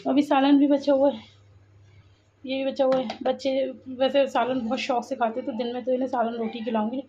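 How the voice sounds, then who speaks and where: A woman's voice: sits high, flat delivery, a little fast. A young woman from India, a mother filming a casual home vlog, chatty and playfully scolding her kids, recorded on a phone in a family home. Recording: muffled phone audio with clear background noise.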